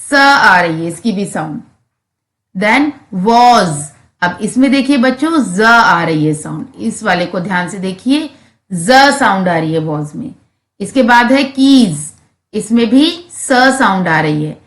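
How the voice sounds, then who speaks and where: Slow, echoey Indian woman teacher. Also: mid-range voice. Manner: reads English lines slowly, then explains them in Hindi. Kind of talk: textbook lesson explanation for children. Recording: echoey room.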